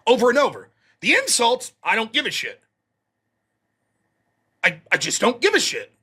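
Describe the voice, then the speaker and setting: A man's voice: very high-pitched, huge pitch swings, normal speed, sharp tone, slightly rough. A man streaming a heated, profanity-laced rant about a panel debate, talking indignantly and defensively. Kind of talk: heated ranting monologue.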